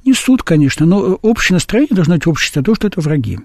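A man's voice: on the high side, sing-song, very fast, no room sound, studio quality. A man answering an interview host's questions in an emphatic way, often asking whether the listener understands. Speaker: guest.

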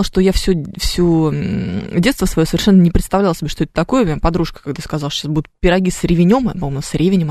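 A woman's voice: fairly low pitch, a little mellow, no echo. Woman radio host, chatty and explanatory, thinking aloud, dry close studio mic. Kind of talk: live radio call-in chat about language.

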